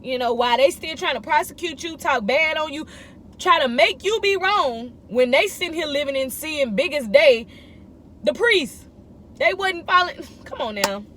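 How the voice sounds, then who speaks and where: A woman in her thirties with a high voice delivers a casual morning devotional. She speaks emphatically and repeats short phrases to drive her encouragement home. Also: animated, normal speed, fairly bright tone. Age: 30s. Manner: emphatic, repetitive exhortation in informal speech. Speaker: vlogger giving morning encouragement.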